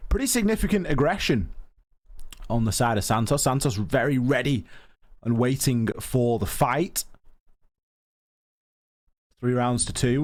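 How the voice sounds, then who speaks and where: A man working as an esports caster, giving excitable play-by-play commentary on a match. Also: mid-range voice.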